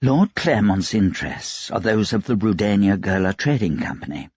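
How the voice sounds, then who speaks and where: A scheming nobleman, cold and emotionless, lays out his threats calmly and without pity, voiced by a male reader. His voice sits low and a little breathy. It is recorded dry and close, with a slightly dull, muffled sound. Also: normal speed, no room sound. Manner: calm, detached, menacing.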